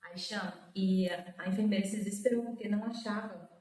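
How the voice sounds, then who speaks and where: A guest woman recounts an emotional personal testimony at a brisk pace, her steady voice a little mellow. Telling it as a story, she voices the quoted speech of others with rising pitch. An echoey room and a distant mic give the recording its sound.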